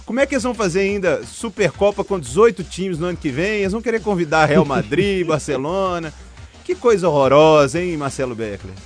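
A man's voice: a little high, animated, a little fast, faint music behind. A man from chatting casually as a football podcast co-host, informal, blunt and opinionated. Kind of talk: casual sports chat.

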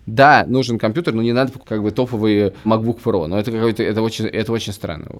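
He co-hosts an opinionated, casual podcast, a man in his thirties with a lowish voice and fairly even intonation. Talking fast and emphatically, he keeps repeating and rephrasing what he says.

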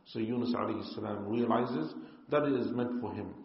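A man teaching a religious lesson in a calm, explanatory way. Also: fairly low pitch, brisk, gravelly. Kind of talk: religious lecture. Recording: echoey hall, muffled.

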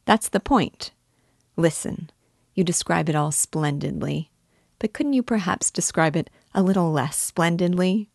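A woman voicing an eager, excitable young woman in an audiobook reading. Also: on the low side, measured pace, gravelly, dry recording, studio quality. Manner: eager, pleading.

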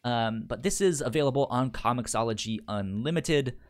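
A podcast co-host with a medium-pitched voice chats casually at a moderate pace and reads synopses aloud. He has a pronounced stutter, repeating sounds and syllables.

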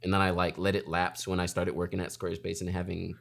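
Brief: thirties man, lowish voice, animated guest who laughs a lot, casual podcast chat. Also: fast talker, creaky. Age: 30s. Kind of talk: casual interview conversation.

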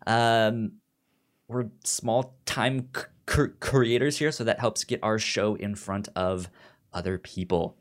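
A podcast host with a lowish voice talks slowly but animatedly in a casual, opinionated recap. He stutters often, repeating the first sounds of words.

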